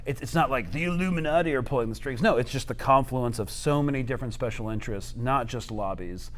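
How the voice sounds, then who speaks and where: A man speaking at a live event, answering audience questions in a fast, analytical way with many fillers and restarts. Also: mid-range voice, fairly bright tone. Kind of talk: live Q&A talk.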